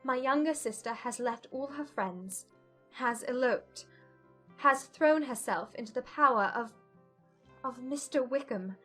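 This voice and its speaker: A woman playing an agitated, self-reproaching young gentlewoman in formal dialogue from a dramatized period audiobook. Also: high-pitched, a little slow, soft background music, exaggerated voice. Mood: agitated despair.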